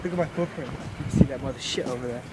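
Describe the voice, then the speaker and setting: A man's voice: mid-range voice, very fast. A young man chatting casually as a vlog companion outdoors, with wind on the mic. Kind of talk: casual chat. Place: outdoors on a windy street. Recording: loud wind noise on mic.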